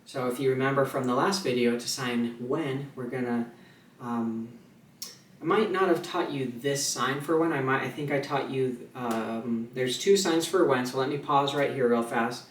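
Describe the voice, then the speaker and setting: A man teaching sign language in a relaxed, chatty way, with fillers and restarts, slowing down to mouth his example sentences. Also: medium pitch. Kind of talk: casual instructional video. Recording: echoey room, voice a little far from the mic, faint ambient noise.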